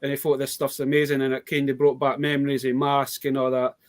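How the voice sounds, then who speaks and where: A British-accented adult man, guesting on a casual live chat as a toy collector, spins meandering stories about toy bargains. His voice is medium-pitched and monotone, and he talks fast.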